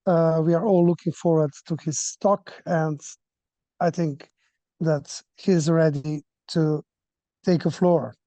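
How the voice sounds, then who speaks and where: A man moderating a seminar, introducing the next speaker in a halting, self-correcting way. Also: a little high, steady tone, dark tone, dry recording, muffled recording.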